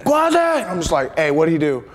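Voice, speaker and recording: A man's voice: a little high, wildly swooping pitch, brisk, crowd noise. A young man, a football player, chatting in a laid-back way in an interview. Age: young adult.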